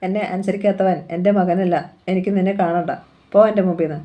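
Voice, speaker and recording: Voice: mid-range voice, flat delivery, quick pace, dull audio, close to an everyday voice. A storyteller reading a novel aloud, voicing a stern widowed mother who scolds her son and later breaks into tears. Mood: angry. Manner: scolding, then tearful. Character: aging widowed mother, proud and quick to anger.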